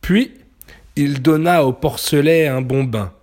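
A man reading a children's story aloud, expressive and animated. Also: a little high, slow pace.

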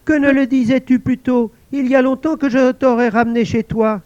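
A man's voice: very high-pitched, fairly even intonation, moderate pace, darkish tone, a little hiss or hum, voice pushed up. A man voicing an invisible male servant spirit, loyal and eager to please, in a storybook tale. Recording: dull lo-fi dry recording.

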